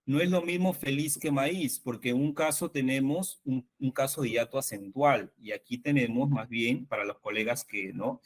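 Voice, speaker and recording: A man's voice: mid-range voice, moderate pace, hardly any pauses. A man with a Peruvian accent teaching an online spelling workshop to fellow teachers, asking questions and confirming the answers. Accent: Peruvian Spanish. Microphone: video call.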